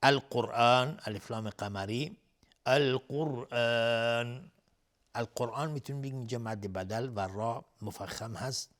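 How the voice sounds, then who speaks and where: A man of middle pitch gives a recitation lesson. He chants each verse in slow, drawn-out melodic lines. Between verses he explains the pronunciation rules in brisk, matter-of-fact talk. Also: a bit bright. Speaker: Quran recitation teacher.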